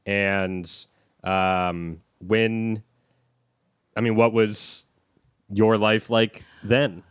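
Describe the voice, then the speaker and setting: A man from Ohio hosting a podcast, relaxed and joking, laughing often with his guest. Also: lowish voice, drawn-out words, smooth, no room sound, clean studio sound. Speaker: podcast host. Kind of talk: casual podcast interview.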